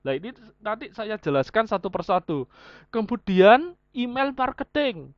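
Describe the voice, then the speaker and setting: A woman teacher explains her online class point by point and ties each idea to everyday examples. Her pitch rises and falls a lot as she talks. The recording is dry and slightly dull, with no room sound. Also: very animated, moderate pace, no room sound. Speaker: vocational school teacher.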